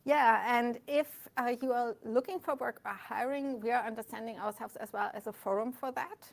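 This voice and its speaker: A woman's voice: fairly high pitch, normal speed, gravelly. A woman hosting a meetup, speaking informally in front of an audience as she welcomes people and makes announcements. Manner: addressing an audience in a room. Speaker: meetup organizer and host. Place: meetup room with live audience and online stream.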